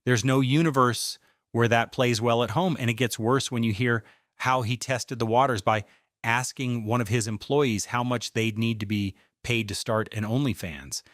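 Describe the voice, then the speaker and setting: A man delivers scripted voice-over commentary with a dry, sarcastic edge. His voice sits at an ordinary pitch and sounds close and dead, with no room around it. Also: moderate pace, a bit bright, no echo. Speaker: commentary host.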